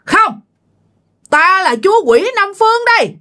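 A woman's voice: extremely high pitch, very animated, measured pace, bright, forceful tone, pitched above the performer's own voice, exaggerated voice. A woman voicing a commanding demon lord who speaks through a possessed woman, in a stern, proclaiming tone. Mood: booming.

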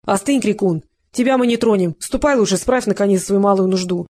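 A woman's voice: mid-range voice, a little fast, a little mellow, close to an everyday voice. A narrator voicing a bold young woman who speaks coolly and tartly in a raised voice. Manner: self-assured, cool and tart. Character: bold cool-headed young woman, police chief's daughter.

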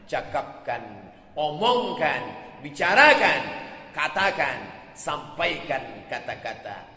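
A man's voice: fairly high pitch, lively intonation, slow, bright, forceful tone. A man preaching an Islamic sermon, emphatic and rhythmic, building repeated phrases into crescendos. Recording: echoey hall with long reverb.

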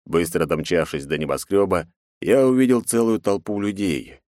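A man reads a first-person adventure novel aloud, his pitch rising and falling a lot. The sound is dry and close, with no room behind it. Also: animated, normal speed, darkish tone, no echo. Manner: voices characters with raised pitch and force. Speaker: audiobook narrator. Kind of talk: first-person audiobook narration with acted dialogue.

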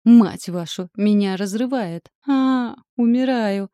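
A woman voicing a panicky, foul-mouthed husband stuck in his pregnant wife's body, yelling shrilly and grumbling. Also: mid-range voice, animated, normal speed, no echo, studio quality, natural voice. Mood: panicked.

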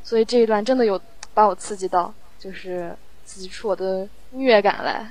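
In a low-quality recording, an audio drama post-production sound editor chats in a playful, casual way while thinking out loud. Her medium-pitched voice is a little mellow and moves at a normal speed.

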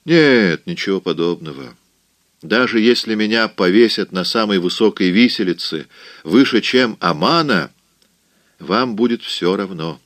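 A man voicing a cold, worldly man in an audiobook, speaking in a cool, quiet, cutting way. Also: on the low side, lively intonation, measured pace, dry recording. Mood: mocking.

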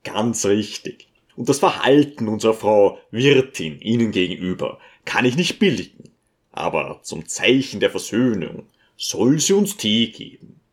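A man voicing a smooth, scheming male visitor who talks in a coaxing, ingratiating way. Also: on the low side, big pitch swings, measured pace.

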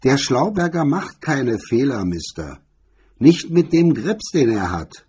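Brief: a brutish drunk cop who bellows and sneers, husky and low, a man doing the voice. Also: animated, unhurried, darkish tone, full character voice. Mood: blustering. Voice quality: rough, booming voice. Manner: barking, contemptuous. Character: drunk, bullying, loud male cop.

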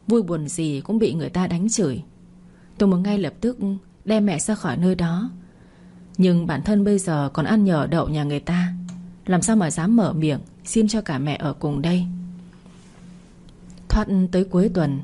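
A woman narrating a dramatic story in a steady, earnest reading. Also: on the low side, a little hiss or hum.

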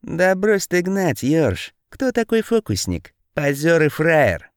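A brash, scornful young convict, performed by a male audiobook reader. His sneering lines ride high and swing widely in pitch. The recording is dry and close. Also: very animated, slow pace, smooth, no echo.

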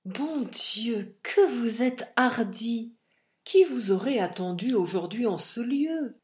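A woman's voice: fairly high pitch, expressive, slow pace, a little mellow. A woman putting on a coquettish young lover. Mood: affectionate surprise.

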